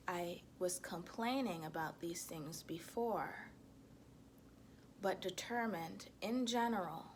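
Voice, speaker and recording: A woman giving a reflective self-help monologue to viewers, speaking in a deliberate, halting way with emphatic repetition. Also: medium pitch, slight background noise.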